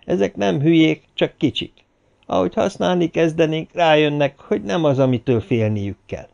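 A man's voice: on the high side, lively intonation, vocal fry, darkish tone, voice pushed up. A man voicing a grim, weary male expedition leader who speaks firmly. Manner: firm, weary. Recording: dull lo-fi recording.

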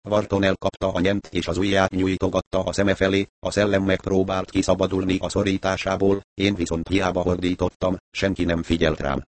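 A man's voice: low voice, flat delivery, few pauses. A man narrating a first-person adventure novel in a wry storytelling manner. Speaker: audiobook narrator.

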